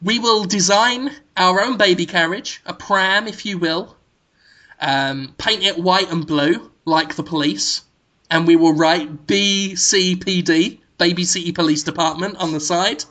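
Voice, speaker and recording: A podcast co-host with a bright, forceful voice pitches an absurd plan in dead-serious, mock-earnest style on a comedy show. He speaks at a measured pace, filling the buildup with plenty of ums and uhs.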